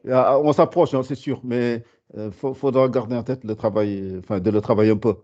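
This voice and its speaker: A man's voice: mid-range voice, steady tone, a little fast, mellow. A man teaching a beginners' Arabic class, patiently repeating sounds and words, with frequent fillers and restarts. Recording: dull lo-fi sound.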